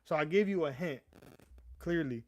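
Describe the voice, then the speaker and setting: Hosting a relaxed livestream, a young man from the US East Coast speaks to his viewers in a slightly high, animated voice at a normal speed. He rambles loosely, stammering and restarting often, and calls everyone "bro."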